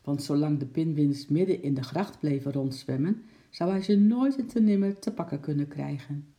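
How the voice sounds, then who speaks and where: A man reading a children's story aloud in lively storytelling style, switching into voices for the characters. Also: fairly high pitch, normal speed. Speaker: narrator.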